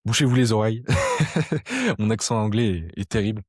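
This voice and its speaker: Low-voiced man teaching, dry sound. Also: huge pitch swings, moderate pace, breathy edge, dry recording. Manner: conversational, with fillers and restarts. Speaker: sociology educator. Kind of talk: explanatory talk to camera.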